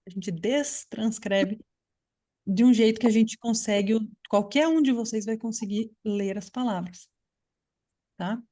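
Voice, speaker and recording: A woman's voice: fairly high pitch, a little slow, warm tone. A woman English teacher giving a live online class on a video call, explaining patiently and checking often that students follow.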